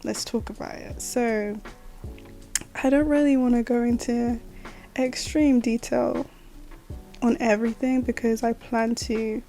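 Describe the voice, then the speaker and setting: Faint music plays behind this late-twenties woman as she hosts her podcast alone, chatty and rambling with fillers and laughs. Her warm voice is a little high with fairly even intonation, a little slow, and marked by long pauses.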